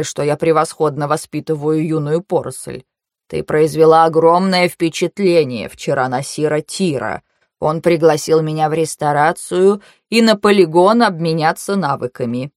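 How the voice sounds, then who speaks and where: A woman voicing an older male clan mentor who speaks slowly and hesitantly, weighing each word, in an audiobook. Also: low-pitched, dry recording, studio quality, voice pushed down. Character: elderly male clan mentor, fussy and measured. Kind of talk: audiobook character voice.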